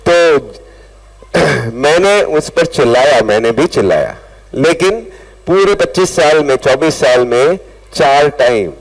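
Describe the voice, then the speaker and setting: A man's voice: fairly high pitch, unhurried, poor audio. A middle-aged man giving an interactive parenting workshop, calling out to the audience and mixing in English words. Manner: animated, calls out to audience, mixes English words. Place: school event hall with audience.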